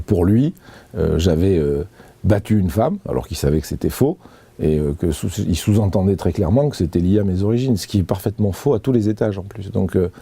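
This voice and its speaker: A man's voice: sits low, gravelly, dark tone, slightly rough, no room sound. A man being interviewed, giving an earnest personal account with many hesitations and restarts. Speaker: interview guest.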